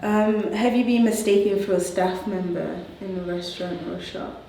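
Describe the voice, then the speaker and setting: Born in Nigeria and raised in the UK, a woman with a British accent hosts a panel chat, asking the group questions. Her mid-range voice has a dark tone, fairly even intonation and a moderate pace. The echoey room, distant mic and faint noise color the recording.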